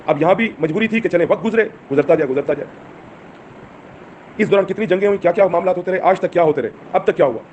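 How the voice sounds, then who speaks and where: A man's voice: high voice, a little mellow, lo-fi sound, a little hiss or hum. A man giving an impassioned speech to his followers, urging them on with rhetorical questions. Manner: urgent, exhorting, rhetorical questions. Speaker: movement leader addressing followers.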